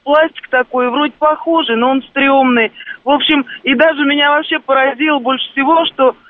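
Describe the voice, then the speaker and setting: A woman calls in to a radio show, blunt and scornful in how she talks. Her voice sits very high and comes through a tinny phone line, dry and close. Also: steady tone, moderate pace, dry recording. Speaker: caller.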